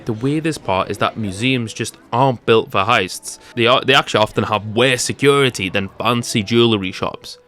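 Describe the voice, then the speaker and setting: A man's voice: medium pitch, moderate pace, hardly any pauses, fairly bright tone. A young man narrating a scripted tech-comedy video with jokey, sarcastic asides. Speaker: YouTube creator.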